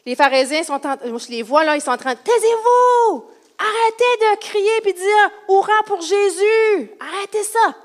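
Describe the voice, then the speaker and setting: A woman with a Quebec French accent playing an excited woman eyewitness in a cheering crowd, calling out to children. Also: high voice, fast talker, hardly any pauses. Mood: worried. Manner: breathless, shouting to a crowd of children. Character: excited woman eyewitness in the crowd, sister of a man raised from the dead.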